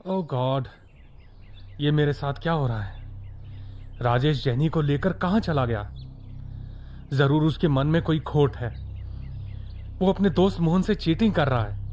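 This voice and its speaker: A man's voice: fairly high pitch, expressive, a little slow, long pauses, darkish tone, slight background noise. A man as an anxious, lovesick young man, Rocky. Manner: mixes English into broken Hindi.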